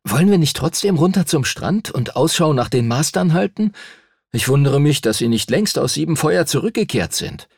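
A man's voice: a little high, expressive, moderate pace, creaky, breathy edge, no echo, clean studio sound, pitched above the performer's own voice, heavily acted. A male audiobook narrator voicing an earnest, level-headed young boy. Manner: reasonable, a bit defensive. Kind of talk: audiobook character voice.

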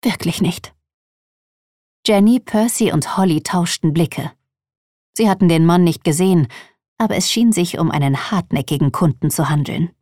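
A woman narrating a children's audiobook in an expressive reading voice. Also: lowish voice, moderate pace, dry recording, clean studio sound.

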